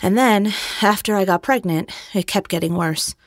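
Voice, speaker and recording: A woman's voice: medium pitch, normal speed, dry recording, close to an everyday voice. A woman playing a young wife and mother recounting her troubled marriage in a documentary reenactment. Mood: troubled, reflective. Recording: close dry studio, music behind.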